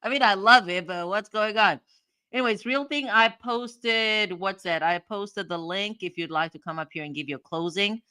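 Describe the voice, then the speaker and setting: A woman's voice: medium pitch, moderate pace, pushed and bright, clear, resonant tone, dry recording. A woman hosting a livestream, giving casual commentary on court documents as she thinks aloud and repeats her phrases. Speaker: livestream host.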